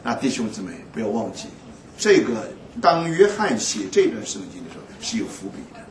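A man preaching a sermon, telling stories in an animated way and laughing often. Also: medium pitch, fairly quick. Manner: animated storytelling with frequent laughs. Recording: echoey hall, voice from far off.

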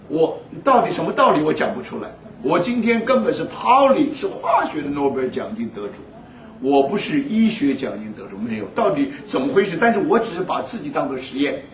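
A man preaching a sermon, telling stories in an animated way and laughing often. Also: on the high side. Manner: animated storytelling with frequent laughs. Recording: echoey hall, voice from far off.

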